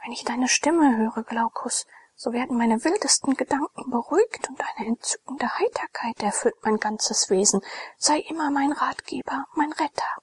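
A woman voicing a tearful, devoted young slave girl in a whispered role-play with a high, pleading whisper. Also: normal speed, husky. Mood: longing.

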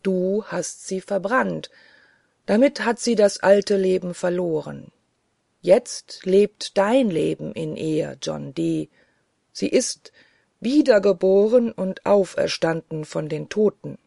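A commanding angel spirit speaks in slow, solemn, prophetic tones, as the audiobook's reader gives it voice. The sound is dark and gravelly and sits close and dry. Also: medium pitch, no room sound, exaggerated voice.

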